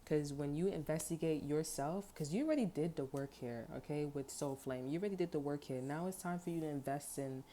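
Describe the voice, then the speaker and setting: A woman's voice: deep voice, fairly quick, few pauses, warm tone, a little hiss or hum. A woman giving a casual tarot reading, rambling and peppering her talk with okay and like. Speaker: tarot reader.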